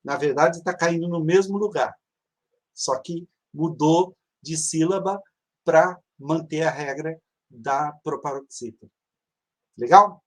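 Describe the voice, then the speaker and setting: A man's voice: on the high side, slow. A man, a reverend teaching an online class, who explains patiently and drills word endings aloud. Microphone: video call.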